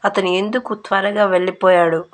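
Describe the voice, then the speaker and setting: A woman reading language drill sentences, saying each English line very slowly and clearly, then its translation at normal speed. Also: mid-range voice, fairly even intonation. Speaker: language teacher.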